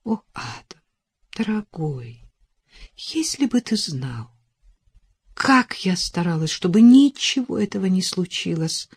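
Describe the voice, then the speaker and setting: Lady narrator doing a tearful sorry wife, soft and hushed, breathy. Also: fairly low pitch, big pitch swings, slow, pauses often, pitched above the performer's own voice, exaggerated voice. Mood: tender remorse. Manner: soft, subdued, near whisper. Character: tearful remorseful young wife, gentle and soft-spoken.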